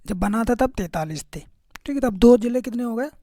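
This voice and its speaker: A man's voice: very high-pitched, expressive, brisk, warm tone, no room sound, studio quality. A male teacher, giving a casual exam-prep lecture and constantly asking listeners to remember each fact. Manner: keeps repeating "okay" and "remember this", quizzing listeners.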